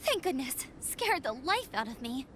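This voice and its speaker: A woman voicing an energetic, caring young female scout in a video game. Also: high voice, measured pace, a little hiss or hum, exaggerated voice. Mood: concerned. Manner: lively and concerned for others. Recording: game cutscene with music score. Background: game music.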